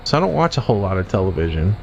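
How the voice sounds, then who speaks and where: A man streaming a game and casually answering chat questions in a relaxed, drawling way. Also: on the low side, very fast, vocal fry. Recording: dull lo-fi stream audio with faint vehicle noise.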